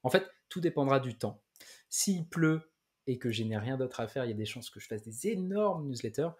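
A man's voice: mid-range voice, lively intonation, normal speed, a little mellow. A man co-hosting a casual tech podcast chat. He hesitates often, using fillers and stopping to restart his sentences as he talks. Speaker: podcast co-host.

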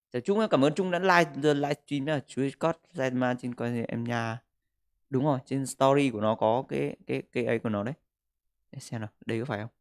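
A man, livestreaming from a room at home and joking crudely as he reads viewer comments into a desk mic. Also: medium pitch. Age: 20s. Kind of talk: casual livestream chat. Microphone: desk microphone.

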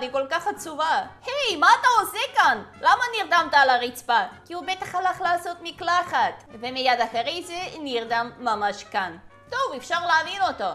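A woman's voice: high-pitched, fairly bright tone. A young woman gaming YouTuber giving playful commentary over gameplay, teasing and scolding the characters in a chatty way.

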